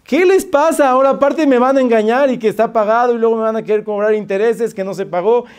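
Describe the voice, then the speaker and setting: A man voicing a furious male customer who shouts accusations. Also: fairly high pitch, animated, slow pace, smooth, voice pushed up. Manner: shouting accusations, indignant questions.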